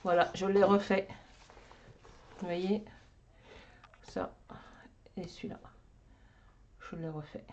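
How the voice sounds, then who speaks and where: A woman in a casual craft vlog, talking slowly and rambling as she searches. Her voice is fairly low and mellow. The recording is dull, with a faint hiss behind it. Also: fairly even intonation. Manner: rambling, talks to herself while searching. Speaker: craft vlogger. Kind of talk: casual show-and-tell chat.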